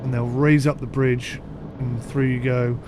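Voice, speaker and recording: A man's voice: medium pitch, little pitch movement, unhurried, background noise. A man casually commenting on a ship simulator during a live stream, chatty and self-deprecating, reading chat comments aloud.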